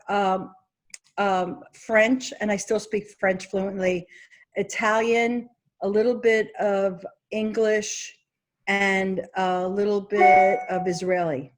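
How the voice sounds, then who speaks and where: Woman casting director with a New York accent, animated and chatty, interview guest. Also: mid-range voice, slow pace. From Egypt. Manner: animated, laughs often, quotes herself. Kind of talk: casual interview chat.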